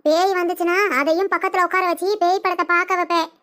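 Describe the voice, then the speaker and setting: A very high, shrill cartoon grandmother, voiced by a woman. She boasts and scolds in a loud, bossy manner. When frightened, she shrieks. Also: flat delivery, quick pace. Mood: boastful. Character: bossy boastful old grandmother, sharp-tongued. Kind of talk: cartoon voice acting.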